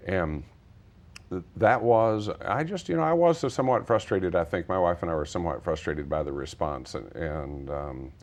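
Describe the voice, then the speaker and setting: Here the interview guest is a nonprofit founder, a middle-aged man from Texas, who is earnest and discursive as he talks things through conversationally. His low voice has lively intonation and a moderate pace.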